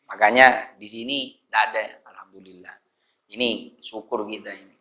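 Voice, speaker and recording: A man's voice: fairly low pitch, steady tone, normal speed, pushed and bright, dull audio. A middle-aged man, teaching a religious study class in a chatty, joking way and chanting verses to show correct recitation.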